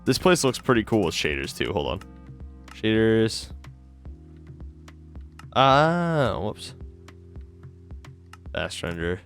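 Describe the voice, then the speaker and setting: A man's voice: on the low side, takes it slowly, pauses often, soft background music. A sick, tired man rambling through casual gameplay commentary as he builds, slurring some words. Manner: rambling, self-correcting, relaxed. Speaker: Minecraft series host.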